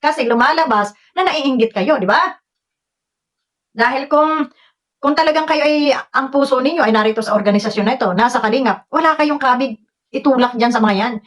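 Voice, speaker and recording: A woman's voice: high voice, a little fast. A woman vlogger ranting at online critics, scolding and confrontational, firing off rhetorical questions. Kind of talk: angry rant to online critics.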